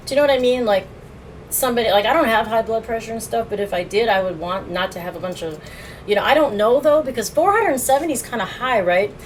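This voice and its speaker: A woman's voice: on the high side, a little hiss or hum, rough recording. A woman streaming a casual food review, chatting with her viewers and laughing often as she eats, recorded on a phone. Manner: chatty, laughs often, talks while eating.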